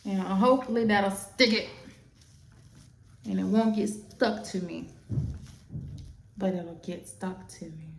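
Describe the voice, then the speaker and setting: A woman's voice: medium pitch, slow pace, creaky, pauses often. Sassy chatty woman in an echoey room. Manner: sassy, animated storytelling. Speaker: makeup artist. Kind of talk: casual chat while doing makeup.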